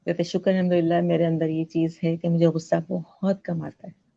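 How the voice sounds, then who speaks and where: Gravelly-voiced woman host. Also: on the low side, flat delivery, warm tone, no room sound. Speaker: interview host. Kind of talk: interview questions. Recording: dull lo-fi dry recording.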